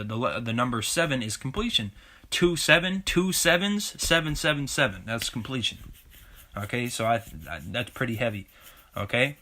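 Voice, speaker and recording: A man's voice: medium pitch, bright, forceful tone. A man giving bible commentary on a video blog, reading scripture aloud emphatically and often checking in with "okay?". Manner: keeps asking "okay?" and says "man". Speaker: religious video blogger.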